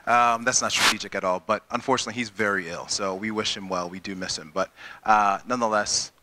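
A man's voice: lowish voice, steady tone, quick pace, very noisy. A man in his thirties with a Midwestern American accent presents to a town hall meeting in a school auditorium, speaking into a handheld microphone in a conversational way full of fillers and restarts. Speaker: school district chief executive. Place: school auditorium with a seated audience.

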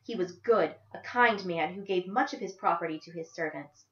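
A woman's voice: lowish voice, moderate pace, reverberant, highs cut off, close to an everyday voice. A woman voicing a proud, hurt girl from a wealthy family, speaking tightly through gritted teeth, read aloud from a book.

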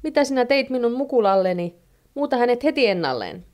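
A woman voicing a hot-tempered housewife who scolds her husband loudly in a storybook reading. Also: on the low side, animated, lightly acted. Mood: scolding. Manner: loud scolding.

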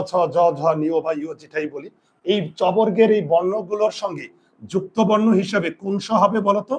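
High-voiced male teacher drilling a class. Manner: asks questions, answers them himself; repetitive, drilling tone. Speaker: Bengali grammar teacher. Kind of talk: live classroom lecture. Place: classroom with students.

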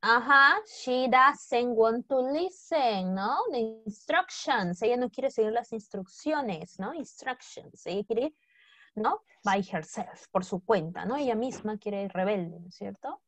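A woman's voice: a little high, animated, slow, sharp tone, no room sound. A woman teaching an English lesson, coaxing students with constant questions and repetition. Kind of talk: classroom lesson explanation.

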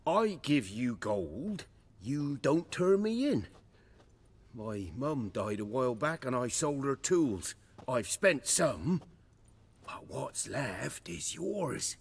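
A coarse, surly village arsonist. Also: male voice, medium pitch, very animated, slow pace, creaky, slightly rough, heavily acted. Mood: wheedling. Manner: coarse, scornful, turns to wheedling. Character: surly drunken village arsonist, young man. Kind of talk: video game voice acting.

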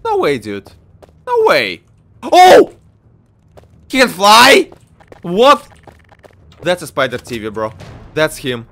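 A man giving excitable let's-play commentary, yelping and repeating words in mock panic. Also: a little high, slow, long pauses. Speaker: gaming channel host.

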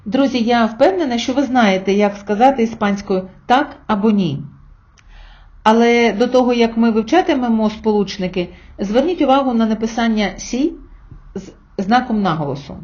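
A woman's voice: fairly high pitch, normal speed, darkish tone, lo-fi sound. A middle-aged woman giving an online language lesson, patiently spelling out sounds and examples for her viewers. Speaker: Spanish teacher.

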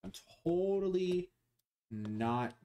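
This young adult man has a high-pitched, warm, animated voice and speaks very slowly, with faint music in the background. Streaming a game on a headset from his small bedroom, he chats loosely with viewers, jokes and swears a lot in casual stream talk aimed at chat.

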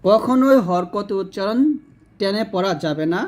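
A man teaching Quran reading step by step, patiently repeating each rule and chanting the sample words slowly. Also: high voice, expressive. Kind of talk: step-by-step spelling lesson.

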